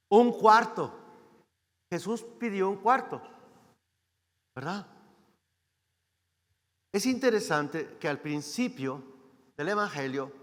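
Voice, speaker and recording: A man's voice: high-pitched, long reverb tail. A man preaching a sermon as a guest speaker, talking in a conversational way and often asking the congregation questions. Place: church hall.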